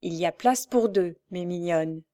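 A woman voicing a tender, devout poor young mother in an audiobook, speaking gently and earnestly. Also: on the low side, a little slow, lightly acted. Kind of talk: audiobook character voice.

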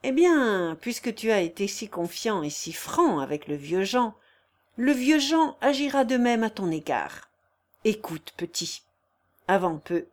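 A woman reading the lines of an old male carpenter, a blunt and fatherly friend, in an audiobook. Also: fairly high pitch.

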